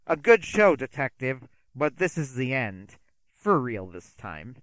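A man's voice: mid-range voice, sing-song, measured pace, a bit bright, no room sound, low-quality recording. A man voicing a smug, theatrical male magician villain in an audio story, speaking with grand showman flourishes. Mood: menacing.

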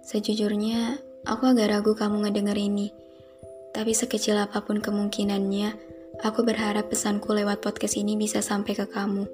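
A young woman hosting a podcast, speaking a slow, soft and heartfelt reflective monologue. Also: medium pitch, completely flat delivery. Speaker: podcast host. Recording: music playing behind the voice.

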